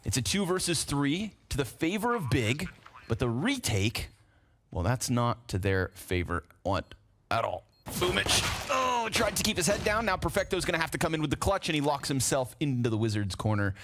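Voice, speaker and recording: A man casting an esports match play by play, lively and jokey, swinging into a dramatic trailer-style voice at times. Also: a little high, normal speed, background noise. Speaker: play-by-play caster.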